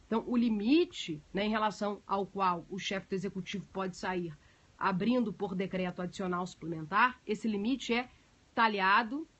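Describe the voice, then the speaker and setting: A woman's voice: mid-range voice, moderate pace, a bit bright, lo-fi sound. A woman teaching a class on a live stream, explaining at length and chatting with viewers between points, with many fillers. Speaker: teacher of budget law. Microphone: phone.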